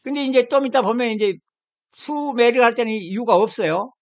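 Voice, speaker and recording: Using an on-screen dictionary, a channel host with a mid-range voice explains things casually at a moderate pace, word by word. The host points at the screen and repeats key terms over and over; the sound is slightly dull and lo-fi.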